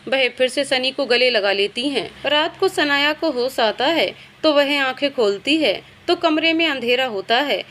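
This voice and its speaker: A woman narrating a scripted story in a steady, plain storytelling manner. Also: sits high, a little slow, hardly any pauses.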